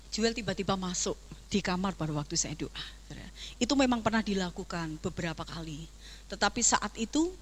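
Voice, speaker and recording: A woman pastor preaching a sermon. Her phrases trail off soft, and then she builds to loud, emphatic exhortations. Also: medium pitch. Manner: addresses listeners as "saudara" often, dropping soft at phrase ends. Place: church.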